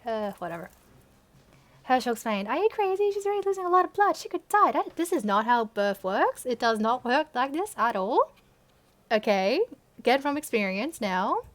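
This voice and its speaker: Woman, slightly high voice, reads an old story aloud, sarcastic asides, swears a lot. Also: a bit bright. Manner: sarcastic, swears often, breaks off to laugh at her writing. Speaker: YouTuber reading her old story. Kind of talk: reading aloud with mocking commentary.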